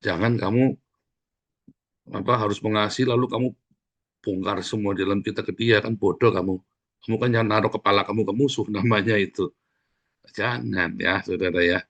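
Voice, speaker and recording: Gravelly, husky-voiced man preaching a sermon. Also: fairly low pitch, fairly even intonation, normal speed, pauses often, fairly bright tone. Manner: conversational, scolding preaching with repeated "saudara" asides; acts out quoted speech in livelier voices. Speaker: pastor.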